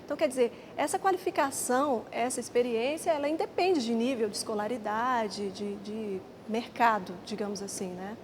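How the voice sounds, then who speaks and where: A woman's voice: on the high side, normal speed, hardly any pauses, noisy background. A woman TV host, presenting the show and putting questions to a guest. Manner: clear presenter delivery. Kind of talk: studio interview hosting.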